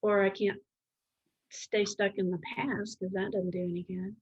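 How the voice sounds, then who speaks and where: A middle-aged or older woman speaking in a calm, gentle, reflective way in an interview, halting as she searches for words. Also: medium pitch, husky, highs cut off. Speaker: interview guest.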